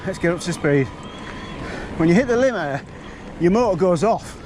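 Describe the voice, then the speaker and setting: A man's voice: high voice, expressive, moderate pace, noisy background. A man, a bit out of breath, chatting bluntly to camera while riding an e-bike up a forest trail. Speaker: mountain biking vlogger.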